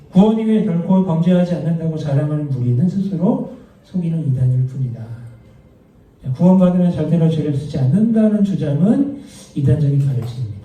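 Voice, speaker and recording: A man's voice: on the high side, warm tone. A man leading a church Bible study, explaining doctrine in a conversational way with personal stories. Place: church room. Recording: very echoey room, voice from a distance.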